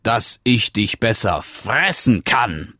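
A man's voice: on the low side, big pitch swings, slow pace, dry recording, studio quality, voice pushed up, exaggerated voice. A man voicing a sly, scheming male wolf in a storybook reading, with a coaxing, wheedling manner. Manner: wheedling, coaxing, sometimes hushed whisper.

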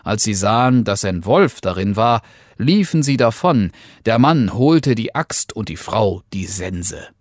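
A man reading a fairy tale aloud as narrator, in a calm, unhurried storytelling manner. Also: lowish voice, no room sound, studio quality.

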